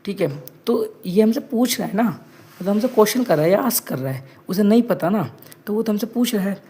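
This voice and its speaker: A woman teacher giving an online class to children. She explains each point twice, keeps saying "okay", and reads example sentences slowly. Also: mid-range voice, lively intonation, warm tone, breathy edge.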